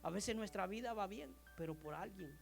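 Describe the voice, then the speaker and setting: Male preacher, high voice, acts out dialogue, soft music underneath. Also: moderate pace, vocal fry. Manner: animated storytelling, acting out quoted dialogue with his wife. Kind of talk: sermon.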